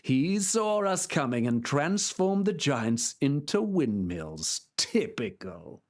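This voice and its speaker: A man's voice: on the high side, big pitch swings, takes it slowly, heavily acted. A man voicing Don Quixote, a deluded, grandiose old knight, speaking in a formal, theatrical way. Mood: indignant. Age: older.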